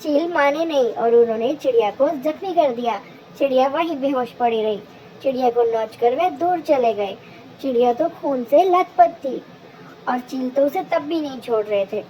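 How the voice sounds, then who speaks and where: A woman's voice: high-pitched, normal speed, warm tone, slight background noise, poor audio. A woman narrating a cartoon story for children in a simple storybook manner.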